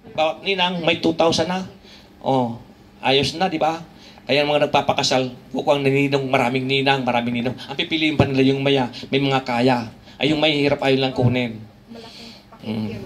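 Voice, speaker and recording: A man with a Filipino accent preaching a sermon to his congregation, conversational and joking, rising to emphatic peaks. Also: medium pitch. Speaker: pastor.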